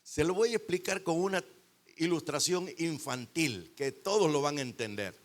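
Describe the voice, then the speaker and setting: A male pastor preaching a sermon into a handheld microphone in a church, rising to loud bursts and dropping into quiet pauses. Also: a little high. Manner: preaching with sudden loud swells and dramatic pauses.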